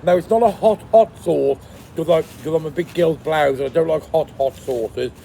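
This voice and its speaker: Casual male food reviewer, talks while chewing, creaky and mellow delivery, faint ambient noise behind. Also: a little high, moderate pace. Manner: chewing and eating while talking.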